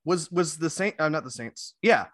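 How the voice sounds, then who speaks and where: A man's voice: a little high, lively intonation, normal speed, dry recording, clean studio sound. A man co-hosting a casual sports podcast, hesitant, mulling his picks aloud with hums and fillers. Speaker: podcast co-host.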